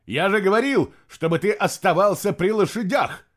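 A man's voice: a little high, unhurried, voice pushed up. A man reading an audiobook, voicing a stern, proud warrior who talks with solemn command. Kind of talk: audiobook narration.

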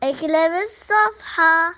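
A woman's voice: very high-pitched, takes it slowly, pushed and bright, muffled recording. A woman giving short prompts to turn the page during a story reading.

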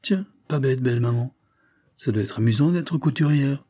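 A man's voice: medium pitch, moderate pace, warm tone, pitched above the performer's own voice, close to an everyday voice. A man reading aloud voices a talkative, impertinent rich young woman about to be married, in a lifted, teasing tone.

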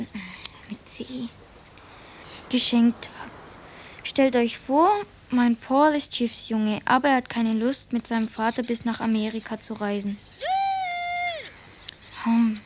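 Woman doing a precocious young boy for radio drama, really slow careful dictation, noisy outdoor cricket sounds. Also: fairly high pitch, a little mellow, lightly acted. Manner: slow, deliberate dictation, speaking punctuation aloud. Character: precocious, earnest young boy dictating letters to his parents. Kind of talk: German radio play acting.

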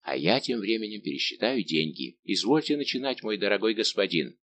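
A man's voice: lowish voice, lively intonation, brisk, fairly bright tone, slight background noise. A man reading as Planchet, the nervous grocer. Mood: delighted. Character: middle-aged male grocer, former soldier, anxious then overjoyed.

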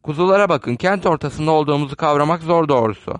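A man reading the part of a gentle, shrewd elderly spinster in a storybook reading, polite and a little fussy. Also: fairly high pitch, fast, no room sound, lightly acted.

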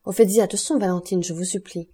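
A woman's voice: mid-range voice, fairly even intonation, fast, mellow, husky, close to an everyday voice. A woman reading as a pleading young officer. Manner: pleading, fretful. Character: anxious devoted young male officer. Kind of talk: audiobook reading.

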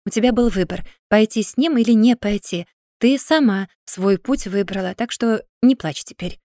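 A woman's voice: mid-range voice, normal speed, warm tone, no echo, studio quality, natural voice. Woman reading as a stern lecturing older brother. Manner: firm, lecturing. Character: stern, patient older brother, young man.

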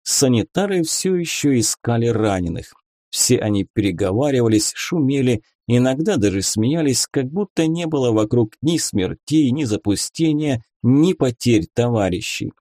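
An audiobook narrator reads a scripted story aloud with an expressive, storytelling delivery. His voice is medium-pitched at normal speed, with clean studio sound and no room sound.

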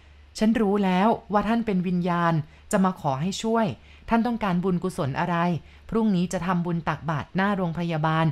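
A woman voicing a frightened older mother who pleads slowly and earnestly with ghosts in a told story. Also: mid-range voice, close to an everyday voice. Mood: pleading.

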